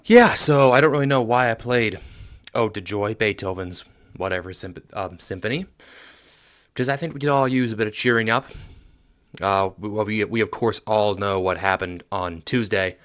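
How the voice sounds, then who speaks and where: A man's voice: on the low side, moderate pace, fairly bright tone. Swearing young man on a mock rant. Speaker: podcast host. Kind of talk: sarcastic mock-rant monologue.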